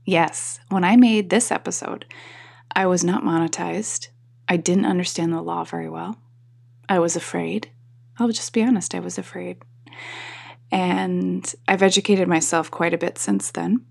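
A woman podcast host with a husky, sleepy morning voice, rambling casually to her listeners. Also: normal speed, darkish tone. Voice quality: husky, slightly deeper morning voice. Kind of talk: casual solo talk to listeners.

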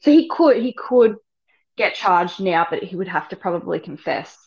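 A woman's voice: lowish voice, animated, moderate pace, gravelly, a little mellow, breathy edge. A woman co-hosting a podcast in casual chat, her voice heard through dull, worn-sounding audio. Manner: chatty, agreeing. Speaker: podcast co-host.

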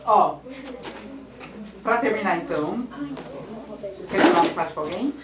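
A young woman, a museum educator and podcast host chatting quickly and laughing with schoolchildren. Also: lowish voice, lively intonation. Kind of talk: casual interview with schoolchildren. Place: museum TV studio. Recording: noisy crowd of children. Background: noisy group of students.

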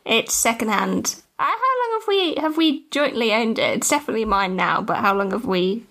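A woman's voice: a little high, sing-song, normal speed, fairly bright tone. A woman co-hosting a casual chat, teasing her partner and laughing often. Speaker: podcast co-host.

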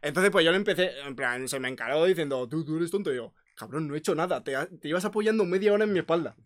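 A man's voice: on the high side, animated, fast talker. A young man, telling a story animatedly in casual podcast chat and laughing often. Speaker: podcast co-host.

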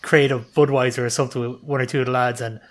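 A man's voice: medium pitch, fairly even intonation, fast. An Irish man talking casually in a group chat as a podcast co-host.

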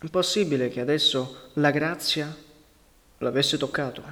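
A man narrating a novel as an audiobook, in a measured, unhurried literary reading. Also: on the high side, a bit bright. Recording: long reverberant hall sound.

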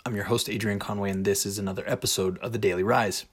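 A man's voice: lowish voice, steady tone, fast talker, slightly rough. A man hosting a motivational podcast monologue, speaking directly and emphatically with rhetorical questions. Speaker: podcast host.

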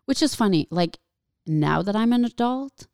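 A woman in her thirties chatting casually, candid and animated, swearing freely. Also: medium pitch, normal speed, creaky, clean tone, dry recording, clean studio sound. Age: 30s. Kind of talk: casual chat.

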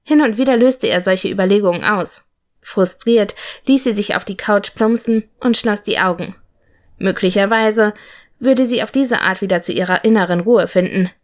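Woman, audiobook narrator, lively expressive reading, mid-pitched voice. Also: moderate pace.

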